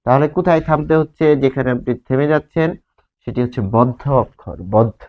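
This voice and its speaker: Man teaching slowly over tinny audio. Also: medium pitch. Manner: repeats key terms slowly, asks and answers own questions. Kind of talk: classroom grammar lesson. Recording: tinny, phone-like sound.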